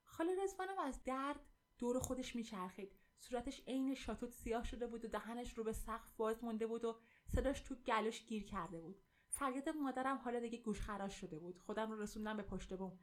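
A woman narrates a first-person story with vivid feeling. Her voice sits on the high side and carries the tension of the scene.

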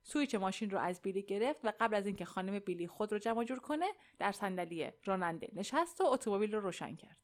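Calm woman narrating a storybook. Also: medium pitch, few pauses. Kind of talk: audiobook narration.

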